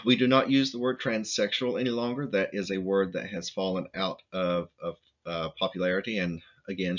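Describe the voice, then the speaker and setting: Low-voiced man giving a halting lecture. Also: a bit bright, lo-fi sound. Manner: halting, with frequent restarts and fillers. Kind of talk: recorded lecture presentation.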